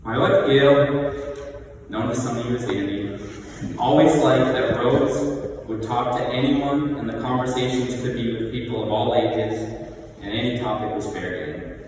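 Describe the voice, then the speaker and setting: A middle-aged man reading a prepared eulogy aloud, reminiscing in measured short phrases. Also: medium pitch, fairly even intonation. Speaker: son giving a eulogy. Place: large reverberant church. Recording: echoey church hall, distant mic, noisy.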